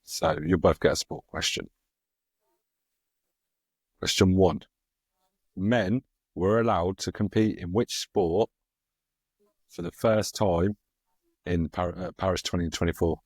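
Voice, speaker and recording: A man's voice: low-pitched, slow pace, pauses often, slightly rough, dry recording. A man hosting a casual podcast chat, reading out quiz questions and laughing along with his friends. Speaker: podcast host running a quiz.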